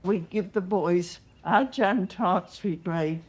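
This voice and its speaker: A woman's voice: lowish voice, slow pace, breathy edge. An older woman, a grandmother, chatting in an amused, easygoing way.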